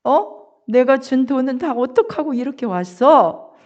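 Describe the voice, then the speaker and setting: A middle-aged woman pastor delivers a sermon at an unhurried pace, her voice sitting slightly high. She acts out a father's words with emotion. The recording sounds dull and lo-fi. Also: expressive, a little mellow.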